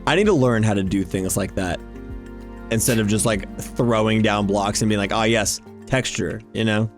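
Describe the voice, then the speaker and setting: With music in the background, a man hosting a gaming video rambles and chats in upbeat, easygoing commentary. His voice sits on the low side at a normal speed.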